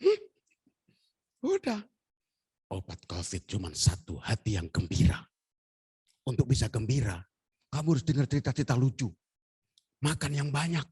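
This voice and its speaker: Husky-voiced pastor telling funny stories. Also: male voice, normal speed, pauses often, dry recording, studio quality. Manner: animated, jokey storytelling, acts out dialogue in high voices. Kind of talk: storytelling sermon.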